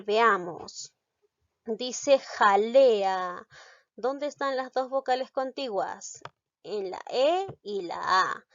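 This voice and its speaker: A woman's voice: medium pitch, no echo, lo-fi sound. A woman teaching a grammar lesson, patiently asking her students questions step by step. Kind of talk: grammar lesson explaining vowel rules.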